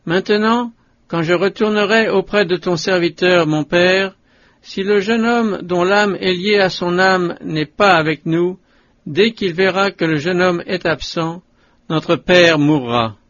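A man reading the part of Judah, a grown brother begging a powerful ruler, humble and imploring in a scripted audiobook. The voice sits a little high for a man. The recording sounds dull and lo-fi. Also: a little slow, a bit bright. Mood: pleading.

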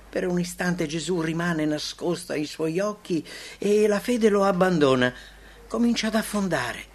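A man narrating a devotional story aloud, expressive, with big swings in pitch and loudness. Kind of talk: dramatic reading of a devotional story.

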